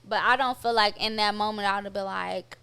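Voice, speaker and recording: A woman's voice: medium pitch, fairly even intonation, fairly quick, creaky, bright, forceful tone, smooth. A young woman co-hosting a podcast in casual chat, laid-back and slangy, laughing often and acting out quotes. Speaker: podcast co-host.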